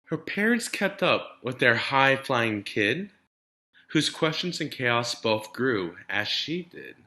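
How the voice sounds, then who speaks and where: A man reads a children's picture book aloud with very lively intonation and a slow, deliberate pace. His voice is bright and clear-cut in emphasis, leaning on each rhyme like a teacher telling a story to a class. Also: mid-range voice. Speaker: elementary teacher reading to students.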